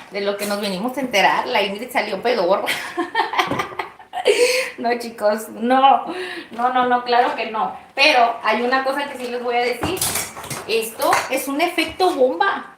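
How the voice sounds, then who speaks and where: A woman cooking in her home kitchen, chatting playfully and gossipy straight to her viewers. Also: sits high. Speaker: cooking vlogger. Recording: echoey kitchen, faint noise.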